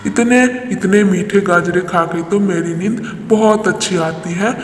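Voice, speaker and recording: A man's voice: high-pitched, a little slow, noisy background. A man doing Kalu, a sly whiny crow. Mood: scheming. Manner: whiny, scheming. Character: sly jealous male crow thief. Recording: echoey roomy recording.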